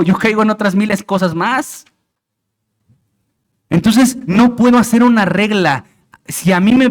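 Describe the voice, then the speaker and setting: A man's voice: sits high, low-quality recording. A man preaching a sermon as pastor of a church, emphatic, asking the congregation rhetorical questions. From Mexico. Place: church sanctuary.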